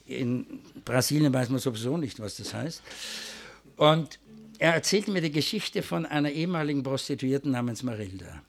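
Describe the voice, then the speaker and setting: A man's voice: mid-range voice, lively intonation, moderate pace. A man preaching a sermon, telling a story in a storytelling way that rises to fervent emphasis, then closing with a prayer.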